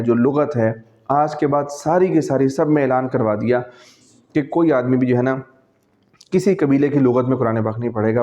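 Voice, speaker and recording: A male teacher with a Pakistani accent delivers a classroom-style lecture in a relaxed, warm tone, explaining step by step and often checking that his students follow along. His voice sits at an ordinary pitch. The recording sounds a little dull and lo-fi. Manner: conversational, explains patiently, often checks understanding.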